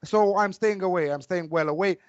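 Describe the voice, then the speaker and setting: High-pitched man, halting football pundit. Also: no room sound, highs cut off. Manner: hesitant, halting, repeats words. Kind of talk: casual match prediction.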